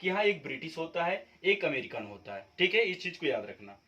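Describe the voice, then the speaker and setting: A slightly high, bright, forceful voice with big pitch swings and a somewhat fast pace belongs to an English teacher from India. He explains spelling differences step by step in classroom style, repeating points and often checking in with viewers. The audio's high frequencies are cut off.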